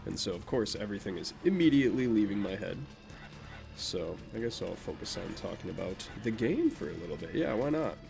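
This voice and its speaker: A young Vermonter with a naturally nasal voice speaks in a sing-song, fairly quick way, his lowish voice creaky and a little mellow. He rambles through casual gameplay commentary with game music behind him, chatting offhandedly and self-deprecatingly about his life.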